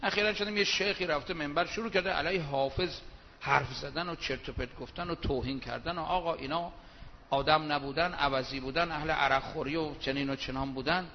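A man preaching a sermon from the pulpit, reciting verse slowly and then talking fast and colloquially, moving between soft asides and loud emphatic bursts. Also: fairly high pitch, a little hiss or hum. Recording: dull reverberant hall recording.

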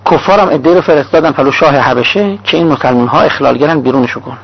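Male cleric lecturer with a raspy voice and a dull lo-fi sound, lists examples in clipped phrases. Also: fairly high pitch. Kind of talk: sermon-style lecture. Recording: dull lo-fi recording.

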